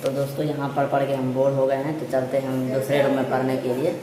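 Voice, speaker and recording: A man's voice: mid-range voice, completely flat delivery, fast talker, a crowd in the background. A young man chatting casually through a vlog while walking his dog and studying, often repeating words as he calls the dog along. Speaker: vlogger. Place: outdoors on wet streets and at home.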